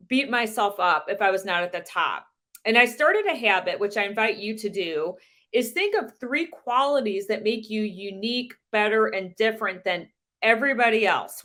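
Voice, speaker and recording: A woman giving a measured, deliberate motivational talk as a sales coach, asking the listener many rhetorical questions. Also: medium pitch, fairly bright tone. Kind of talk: motivational presentation.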